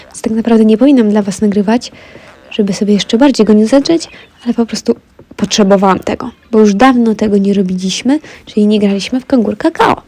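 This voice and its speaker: Talking straight to her audience as she plays, this woman has a cold and a stuffy throat. Her mid-range voice is mellow and fairly quick, and the commentary is casual and chatty, let's play style.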